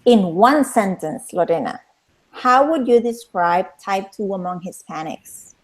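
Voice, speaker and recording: A woman from Puerto Rico with a Puerto Rican Spanish accent, hosting a talk show interview in a lively way, with many fillers and restarts. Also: medium pitch, a little slow.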